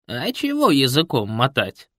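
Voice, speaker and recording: A man voicing a grumpy, shrewd old village man with a creaky, gruff voice in an audiobook. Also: medium pitch, huge pitch swings, unhurried, fairly bright tone, no echo, studio quality, full character voice. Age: older. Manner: folksy, blunt storytelling. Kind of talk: audiobook character voice.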